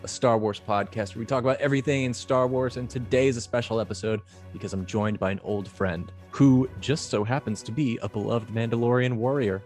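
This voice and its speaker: A man hosting a casual podcast interview, chatty and enthusiastic. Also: mid-range voice. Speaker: podcast host.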